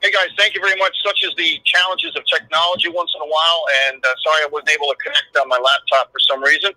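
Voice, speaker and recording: A man's voice: fairly high pitch, fairly even intonation, quick pace, bright, forceful tone, no echo. A middle-aged man, a business owner, talking in an upbeat, loose way with many fillers and restarts, his voice coming from a phone held up to a microphone. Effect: voice from a phone held up to the mic. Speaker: business owner guest on a webinar. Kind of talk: casual pitch-style webinar talk. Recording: tinny phone speaker re-recorded, distant.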